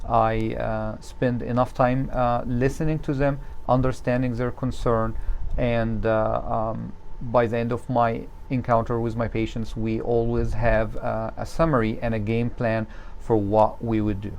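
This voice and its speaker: Halting man, gravelly voice. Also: medium pitch, little pitch movement, darkish tone, slight background noise. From Egypt. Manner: halting, many uh and um fillers. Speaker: gastroenterologist. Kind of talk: unscripted self-introduction.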